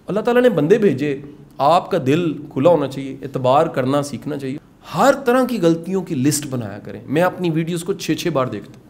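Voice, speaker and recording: A middle-aged man with a Punjabi accent speaks to a room of course participants in an earnest, urging way, slipping English phrases into his talk. His voice sits a little high for a man. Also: expressive, darkish tone. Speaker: motivational speaker teaching a course. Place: indoor classroom with participants.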